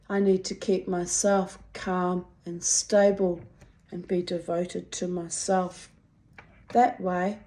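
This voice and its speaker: A middle-aged woman with a strong New Zealand accent reads her own personal writing aloud in a wry, deliberate, dramatic way. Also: fairly low pitch, mellow. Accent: strong New Zealand (Kiwi). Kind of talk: expressive reading of personal confessional prose.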